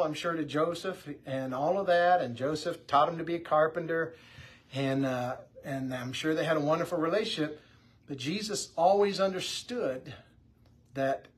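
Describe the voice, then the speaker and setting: Husky-voiced man teaching the Bible. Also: a little high. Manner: conversational, with frequent restarts and fillers. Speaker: pastor.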